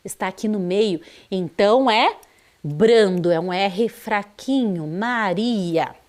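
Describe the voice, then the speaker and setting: A woman's voice: mid-range voice, slow, darkish tone. A Brazilian woman teaching a primary school video lesson, drawing out words and stressing their sounds for young children. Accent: Brazilian Portuguese.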